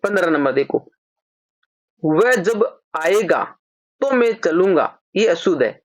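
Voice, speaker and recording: A teacher gives an exam-prep grammar lesson, patiently explaining and slowly repeating example sentences. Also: medium pitch, lively intonation, dry recording. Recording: slightly dull, dry lo-fi recording.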